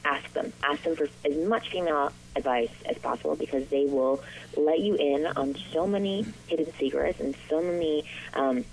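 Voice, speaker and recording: A woman's voice: low voice, moderate pace, creaky, darkish tone, a little hiss or hum. A woman dating coach answering interview questions on a phone call, earnest and encouraging, with a few ums.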